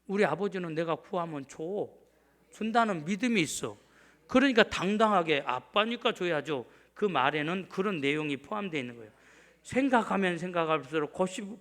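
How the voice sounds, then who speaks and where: High-voiced preaching male pastor. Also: a bit bright. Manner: emphatic preaching, often prompting the congregation. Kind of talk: sermon. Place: church sanctuary.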